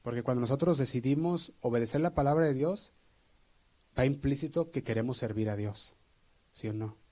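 A pastor preaching earnestly, checking in with the congregation. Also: male voice, medium pitch, moderate pace, mellow. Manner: earnest, asks the congregation for assent. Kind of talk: sermon.

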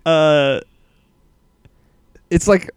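A man's voice: fairly high pitch, extremely slow, smooth, no room sound, clean studio sound. An American man talking casually as a quiz contestant. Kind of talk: casual chat.

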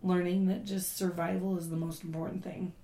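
A hoarse woman who has lost her voice, co-hosting a casual podcast chat and rambling with many fillers. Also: lowish voice, flat delivery, a little fast, dark tone, roomy sound. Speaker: podcast co-host.

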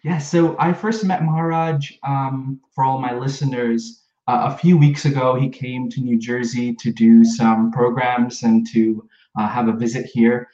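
A man's voice: medium pitch, flat delivery, measured pace, mellow. A man hosting a podcast interview, chatting casually with plenty of fillers and restarts. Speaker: podcast host. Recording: echoey room, slightly dull sound.

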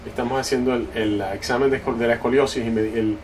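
A man preaching in church, with the talk of a conversational storyteller who stops and restarts his phrases. His voice sits in a middle pitch. It is picked up from a distance, with steady noise in the room. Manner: conversational, halting, self-correcting. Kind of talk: sermon with a personal story. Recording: distant mic, noisy room.

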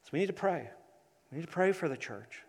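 A male pastor explains his sermon point by point in a somewhat high voice. He phrases deliberately and repeats key words. The sound carries the long reverb of a large hall. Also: lively intonation, husky. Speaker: pastor preaching.

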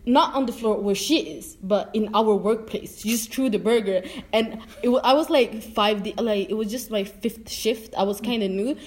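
A woman's voice: medium pitch, normal speed, few pauses. Blunt young woman chatting casually. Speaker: fast food worker. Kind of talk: casual chat.

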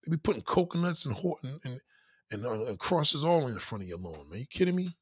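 A man's voice: medium pitch, a little fast, slightly rough, no echo, studio quality. A man rants bluntly and profanely to his live-stream viewers, reading out their comments. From New York. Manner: blunt, profane, animated street talk. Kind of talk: casual live-stream rant.

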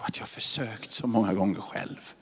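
A man's voice: lowish voice, steady tone, slightly rough. Man preaching in a reverberant hall. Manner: swings from loud and emphatic to hushed whispers. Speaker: pastor. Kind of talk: sermon.

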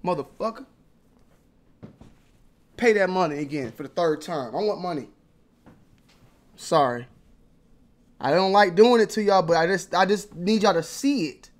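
Young guy doing a sneaker vlog, kinda high voice, slangy, rambles and gets loud. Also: animated, measured pace, long pauses. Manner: slangy, repetitive, swings from mumbling to loud angry outbursts. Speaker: sneaker vlogger. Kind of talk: casual ranting commentary.

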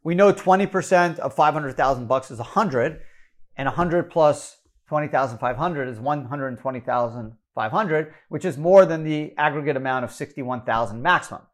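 A man with a Canadian accent explaining retirement contribution limits, brisk and number-heavy, correcting himself as he goes. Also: a little high. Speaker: financial educator. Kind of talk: explanatory talk.

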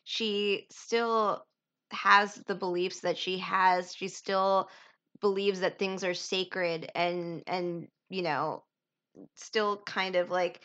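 Bright-voiced woman chatting on a podcast. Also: on the low side. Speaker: podcast co-host. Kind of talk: casual chat. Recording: dull lo-fi sound.

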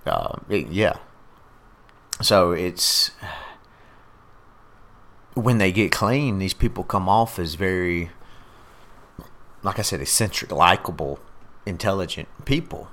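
Guy w a really low voice, laid back, blunt, jokey podcast talk. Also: takes it slowly, pauses often, a bit bright. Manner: easygoing, blunt storytelling with jokes. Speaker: podcast guest, former drug addict. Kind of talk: casual podcast chat.

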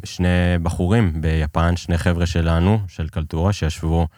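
Low-voiced Israeli man in conversation. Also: fairly even intonation, dark tone, no room sound, studio quality. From Iran, immigrated to Israel. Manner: hesitant searching delivery, peppered with English business terms. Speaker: podcast guest, business executive. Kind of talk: conversational storytelling in an interview.

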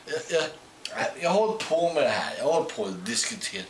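A man's voice: medium pitch, sing-song, slight background noise. Insistent man in an echoey room. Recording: echoey room with background ambience.

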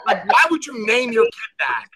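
A man's voice: sits high, sing-song, normal speed, a crowd in the background. A man hosting a casual chat, asking incredulous, teasing questions.

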